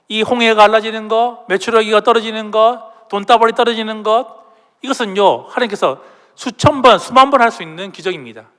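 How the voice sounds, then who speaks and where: High, bright-voiced male pastor preaching. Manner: asks the congregation questions and leads them in reading aloud. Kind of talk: sermon. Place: church sanctuary. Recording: long hall reverb.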